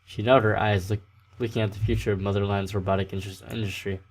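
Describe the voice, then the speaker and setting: A man with a fairly low voice reads game text aloud in a loose, casual way. He stumbles on words and corrects himself as he goes, in an unpolished gaming-video style. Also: level tone, fast talker. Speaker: let's play host. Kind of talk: reading a visual novel aloud.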